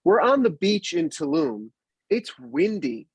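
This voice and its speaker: A man's voice: fairly high pitch, unhurried, breathy edge, no echo. A man being interviewed, animatedly retelling a training story and acting out what was said. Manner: animated retelling, acts out quotes. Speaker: guest. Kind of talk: casual storytelling.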